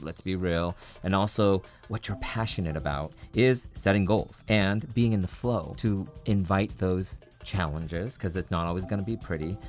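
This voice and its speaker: A man hosting a podcast, giving an upbeat, motivational recap. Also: fairly low pitch. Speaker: podcast host. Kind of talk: scripted recap segment.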